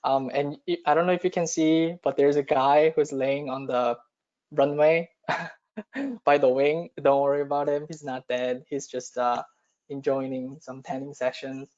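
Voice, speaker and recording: A man's voice: medium pitch, steady tone, unhurried, darkish tone. A man from South Korea teaching cadets over a video call, hesitant and full of ums and uhs. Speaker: cadet instructor. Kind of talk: online class lesson. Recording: muffled video call audio.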